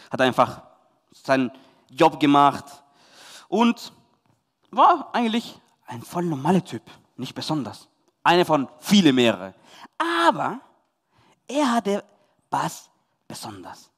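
A man from Chile with a Spanish accent, a youth pastor telling a Bible story to children and parents in lively, emphatic German. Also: fairly high pitch, slow pace, long pauses, big-room sound.

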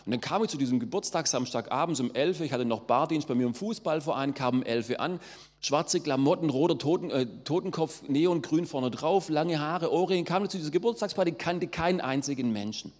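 A man's voice: fairly high pitch, a little fast, darkish tone. A middle-aged man from southwest Germany giving a personal testimony, storytelling with fillers and acting out quoted voices. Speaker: testimony speaker. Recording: long hall reverb.

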